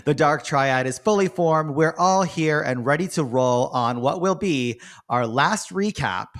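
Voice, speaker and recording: A man's voice: a little high, animated, a little slow, few pauses, fairly bright tone. A man hosting a podcast in a casual, campy conversational way. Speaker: podcast host. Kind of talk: casual recap chat.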